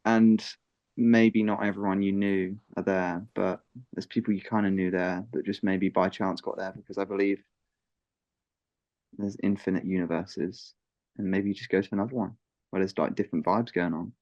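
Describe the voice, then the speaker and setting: A man's voice: deep voice, fairly even intonation, moderate pace, darkish tone, no room sound, dull audio. A man guesting on a casual podcast, laid-back and hesitant as he muses.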